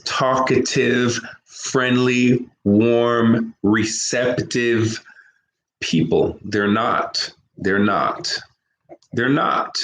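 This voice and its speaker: A man's voice: mid-range voice, fairly bright tone, slight background noise. An American man talking straight to camera in an opinionated monologue, emphatic, repeating his key phrases and listing words one at a time. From United States. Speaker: vlogger. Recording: roomy echo.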